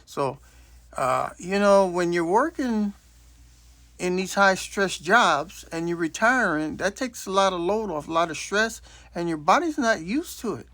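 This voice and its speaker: Older guy in his sixties rambling bluntly into his phone, voice sits kinda high, dry sound. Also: lively intonation, measured pace, pushed and bright, no room sound. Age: 60s. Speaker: vlogger. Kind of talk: casual storytelling monologue. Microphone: self-recorded on a phone.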